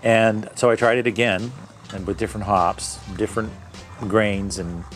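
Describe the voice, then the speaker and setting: A man's voice: lowish voice, normal speed, soft background music. A man reviewing his own home-brewed beer in a casual tasting video, thinking aloud and correcting himself as he goes. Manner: describes aromas and flavors in detail.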